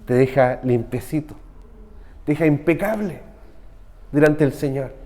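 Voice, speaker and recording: Preaching in a church hall that gives a big-room sound, this Chilean-accented pastor speaks a little slowly in a dark-toned voice on the high side. His sermon is conversational, peppered with the rhetorical question "¿cierto?", meaning "right?".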